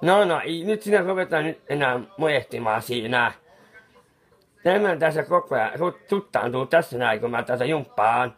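A man's voice: mid-range voice, expressive, fairly bright tone. A man doing a befuddled muttering clown painter. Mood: fussing. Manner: rambling, confused muttering with restarts; soothing, scolding someone who cries. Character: bumbling, befuddled male clown painter, fussy and kindly. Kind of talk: comic improvised monologue.

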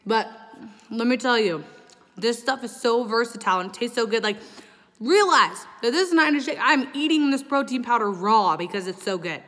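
Young woman, high-pitched, enthusiastic pitch to camera, reverberant room. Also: expressive, normal speed, fairly bright tone. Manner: gushing, enthusiastic, talks while chewing. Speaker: host promoting a protein shake. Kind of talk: chatty sales pitch to camera.

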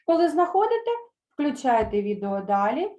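A woman's voice: a little high, very animated, warm tone. Woman teacher reading aloud, echoey room. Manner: slow, careful pronunciation of words for pupils to repeat; hesitant fillers when explaining. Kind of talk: reading a children's story aloud in an online lesson.

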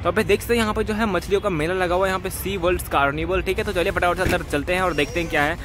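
A man's voice: high-pitched, fairly even intonation, racing. Chatty young man vlogging at a fair. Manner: chatty, joking, addresses viewers as guys. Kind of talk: casual walking vlog. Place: outdoor fair, windy. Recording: loud music and crowd behind.

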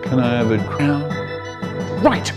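A man's voice: sing-song, measured pace, over loud music. A man whose speech is spliced together word by word from recordings, so it sounds choppy and boastful in a comic rant. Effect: spliced together words cut from recordings, pitch and loudness jumping between words. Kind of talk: comic sentence-mixing rant.

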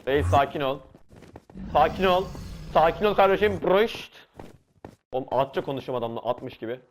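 A young man with a Turkish accent giving rowdy live commentary over a video game, swearing and yelling at the game's creatures. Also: on the high side, animated, normal speed, a little hiss or hum. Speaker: gaming streamer.

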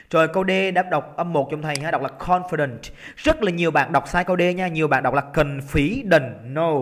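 A man from Vietnam runs a recorded exam-prep lesson with a slightly high voice. He is lively and coaxing, slows right down to draw out each stressed syllable, then speeds back up to check his students are following. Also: noisy background. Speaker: English teacher. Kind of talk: exam-prep lesson, explaining test answers. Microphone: computer recording while drawing on screen.

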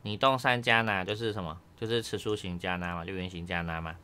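A man's voice: deep voice, fairly even intonation, quick pace, sharp tone, smooth. A man teaching Japanese grammar one-on-one, casually checking understanding with tag questions.

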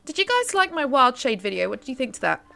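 A British gaming YouTuber in her twenties, just woken up, does casual let's-play commentary on a horse game, chatting, giggling and gushing over cute foals. Her voice sits high, though lower than usual from sleep, and is very animated, fast, creaky, pushed and bright.

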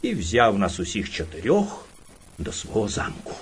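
A timid little hare from a storybook flatters and schemes, as a woman puts him on. He bows and pleads with lively, rising and falling phrases. There is a slight husk in the voice. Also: rumbling low, normal speed, husky, voice pushed down, heavily acted. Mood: sly. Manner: polite, fawning, sly.

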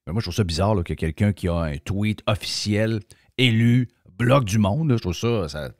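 A man with a Quebec French accent hosting opinionated talk radio, his voice affected by sickness and carrying a smoker's rasp. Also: fairly low pitch, animated, normal speed, no echo, studio quality. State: sick, voice affected. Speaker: radio host.

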